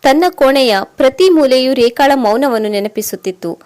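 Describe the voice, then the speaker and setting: Female narrator, a touch high-pitched, even scripted storytelling for an emotional audio story. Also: normal speed.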